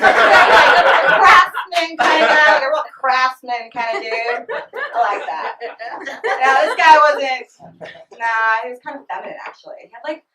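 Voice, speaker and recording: A woman's voice: fairly high pitch, fairly bright tone, a little hiss or hum. A young woman performing a stand-up comedy set in a small club, giggling and breaking into laughter mid-line. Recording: roomy club sound from a distant mic.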